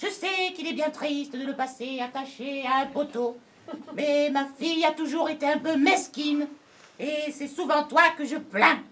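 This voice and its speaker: An actress playing a formal defense lawyer who reads out a letter with declamatory flourish in a stage comedy. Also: female voice, high voice, normal speed, fairly bright tone. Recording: distant stage mic with faint noise.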